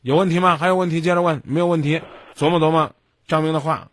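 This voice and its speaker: A man's voice: on the high side, fairly even intonation, fast talker, no echo. A man hosting a call-in advice show, blunt and scolding, who keeps cutting his caller off. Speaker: radio advice host.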